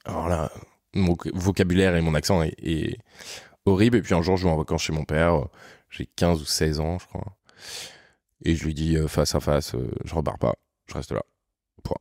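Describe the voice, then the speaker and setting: A French man in his thirties with a very low voice recounts his youth as a podcast guest. His delivery is loose and slangy, full of little asides to the listener. The sound is dry and close-miked. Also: level tone, moderate pace, darkish tone, dry recording. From France. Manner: rambling, slangy, frequent "tu vois" asides. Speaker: podcast guest, content creator. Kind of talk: casual storytelling conversation.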